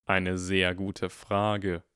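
A father with a low, dry, measured voice, voiced by a man reading a storybook. He speaks slowly and wryly, close to the mic in a dead room. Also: monotone, a bit bright, clean tone, no room sound, exaggerated voice. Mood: worried. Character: dry, worried father of a boy.

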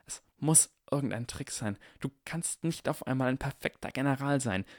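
A clever boy general, frustrated and strained, pleading in an audiobook, as a male narrator voices him. The voice stays near the reader's own middle pitch, recorded dry and close. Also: normal speed, no echo, natural voice.

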